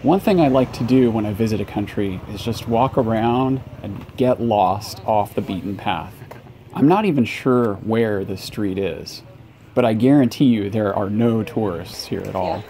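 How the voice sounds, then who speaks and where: A man's voice: on the low side, moderate pace, warm tone. A man in his thirties hosting a travel vlog, narrating with wry, joking asides while walking through a city and a train station. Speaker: travel vlogger. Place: busy city streets and a large train station. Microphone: handheld camera at arm's length. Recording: street and station noise behind.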